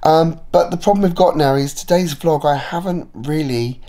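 A man talks his way through a holiday vlog, his voice a little hoarse from a cold. He rambles in an easy, chatty manner, filling gaps with ums and uhs. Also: on the high side, moderate pace, mellow. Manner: chatty, rambling with many fillers. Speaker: travel vlogger. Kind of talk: casual vlog narration.

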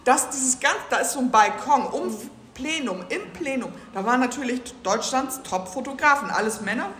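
A woman speaking as a guest at a public talk, telling an animated, slangy anecdote and acting out the dialogue. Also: sits high, moderate pace, slight background noise. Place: museum event space. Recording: roomy hall sound.

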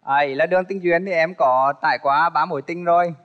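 A man's voice: fairly high pitch, a little fast, lo-fi sound. A man in his twenties, from Vietnam, introducing himself politely as a dating show contestant, with many hesitant fillers. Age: 20s. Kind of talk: casual chat.

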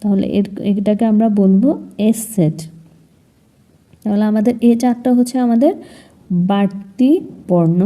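A woman's voice: fairly high pitch, dark tone. A woman teaching German pronunciation step by step, spelling words out letter by letter. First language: Bengali. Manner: spells letters one by one, patient and explaining. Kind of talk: slow step-by-step lesson.

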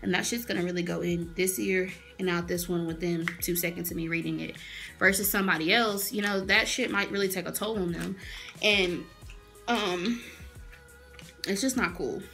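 A woman's voice: on the low side, fairly even intonation, normal speed, fairly bright tone, soft background music. A woman in her early twenties, talking straight to camera in a blunt, fired-up, swearing casual rant from a small room. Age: early 20s. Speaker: vlogger.

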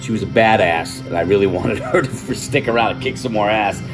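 An older man giving a casual, animated opinion rant on his vlog, exasperated and swearing freely between fillers. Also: on the low side, brisk, music in the background. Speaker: vlogger.

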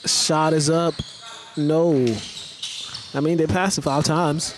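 A man's voice: a little high, flat delivery, takes it slowly. A man giving casual, playful live commentary on a basketball game in an indoor school gym, recorded on a camera mic from the stands. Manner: playful, offhand, makes up sound words. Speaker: amateur play-by-play commentator. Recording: noisy gym audio, ball bounces.

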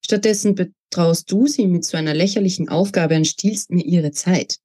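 A woman's voice: fairly low pitch, moderate pace, warm tone, husky. A woman voicing a spiteful, scornful young woman in a read-aloud novel, talking in a mocking, sneering way.

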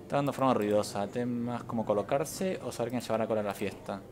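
A man's voice: medium pitch, fast, background noise. A young man, streaming a game, reading the game's text aloud and reacting with casual, sarcastic, swearing asides.

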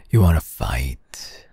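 A man voicing a scornful young male villain who taunts in a breathy, gravelly whisper, in a fan audio roleplay. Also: rumbling low, no room sound, full character voice. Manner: taunting, drawn-out, hushed close to the listener.

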